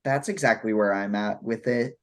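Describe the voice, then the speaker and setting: A man's voice: fairly low pitch, moderate pace. A man with a sassy, campy drag-queen delivery, chatting casually as a review show co-host. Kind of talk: casual panel review chat.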